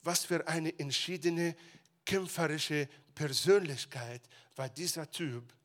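A man preaching a sermon, dramatic, rising to near-shouted retellings and dropping to quiet asides, slipping English phrases into his German. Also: a little high, slow pace.

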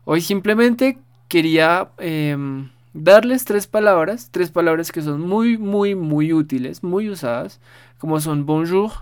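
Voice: medium pitch, expressive, slow pace, hardly any pauses, clear, resonant tone. A podcast host, giving a casual spoken lesson and patiently repeating words for the listener to practice. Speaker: podcast host teaching French.

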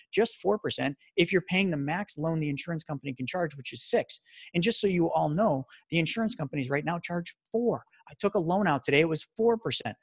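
A man giving an energetic sales presentation as a financial presenter. He talks rapidly and excitedly, firing off rhetorical questions. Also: fairly high pitch, slightly rough, no room sound, clean studio sound.

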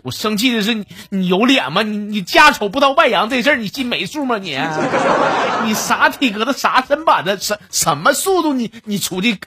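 A man's voice: high voice, expressive, moderate pace, bright, forceful tone, slight background noise, pitched above the performer's own voice. A man voicing an angry wife who scolds and mocks her husband. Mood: scolding, mocking. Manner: scolding, mocking.

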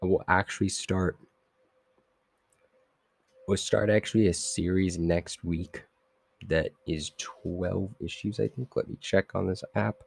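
A man's voice: low voice, steady tone, unhurried, gravelly, pauses often, slightly rough, no room sound. A young man hosting a podcast, casually recapping comic issues in a loose, rambling way full of fillers and self-corrections. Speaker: podcast host.

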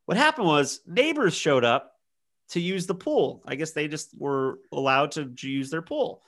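A man's voice: a little high, moderate pace. A man in his thirties, a podcast co-host telling a party story in casual chat and acting out the quotes. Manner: animated storyteller, acts out quotes.

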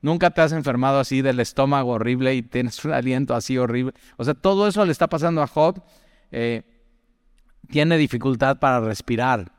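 Smooth-voiced man teaching the Bible. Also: mid-range voice, brisk, dry recording, clean studio sound, long reverb tail. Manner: chatty, asks the listener direct questions, tells personal stories.

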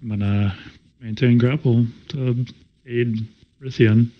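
A man's voice: medium pitch, fairly even intonation, slow. Wry male player on dull audio. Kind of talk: casual tabletop game play.

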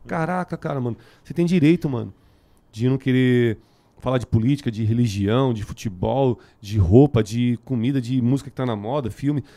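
A man with a São Paulo Brazilian Portuguese accent talks very fast in a mellow, softened tone at an average pitch. His speech is casual and packed with street slang, in the loose style of a podcast chat. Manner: heavily slangy, filler-laden street talk. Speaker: band musician, interview guest.

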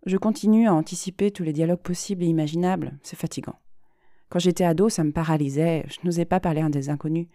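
A woman's voice: lowish voice, fast, dark tone, no room sound, studio quality, close to an everyday voice. A woman reading aloud as an anxious young woman who nervously confides in her therapist. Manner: nervous, self-mocking. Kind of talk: dramatic reading.

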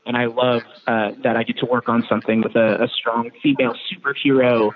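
A man's voice: medium pitch, flat delivery, brisk. An American man gives a friendly, eager phone interview as a guest. His voice sits in an ordinary middle range. It comes through a thin, tinny phone line. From United States. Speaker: voice actor guest.

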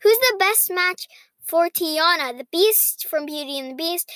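A woman's voice: very high-pitched, lively intonation, a little slow, sharp tone, dry recording, studio quality. A young girl co-hosting a podcast, chatting casually and reading out quiz questions. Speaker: podcast co-host. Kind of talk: casual podcast chat, reading quizzes aloud.

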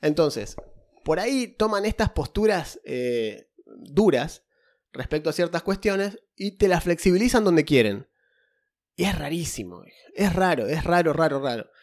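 Argentine guy chatting on a podcast, kinda high voice, repeats himself a lot to make a point. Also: lively intonation, a little slow. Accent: Argentine Spanish. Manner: emphatic, repeats words for stress. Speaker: podcast co-host. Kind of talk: casual chat.

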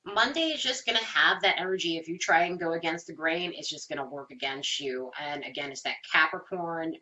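A woman hosts an astrology forecast in a casual, explanatory way. Her voice is bright and forward but clearly congested, with the nasal sound of someone pinching her nose while she has a cold. She speaks informally and leans on everyday examples. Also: sits low, brisk, lo-fi sound. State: stuffed up with a cold. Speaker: astrology host.

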